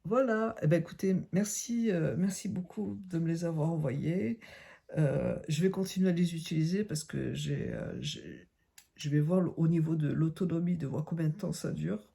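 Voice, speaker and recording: A middle-aged woman, sick and hoarse, talks through a casual product review at home into her phone. Her voice is gravelly, husky and darkly muted. She chats on with plenty of hesitant restarts. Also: low voice, moderate pace, dark tone. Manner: chatty and hesitant, often restarting phrases. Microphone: phone camera.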